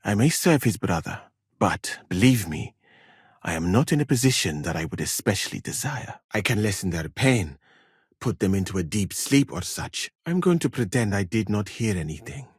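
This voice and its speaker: An actor playing a learned, proud Malian court physician in a medieval video game, speaking in a formal, courteous, dignified way. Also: male voice, lowish voice, sing-song, moderate pace, breathy edge, dry recording, studio quality. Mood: reflective, courteous, then proud, dry. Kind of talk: video game character dialogue.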